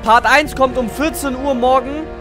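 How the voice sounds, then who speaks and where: A man's voice: extremely high pitch, fairly even intonation, normal speed. A young man giving casual live gaming commentary as a streamer, with slangy, boastful trash talk. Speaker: game streamer. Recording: music behind the voice.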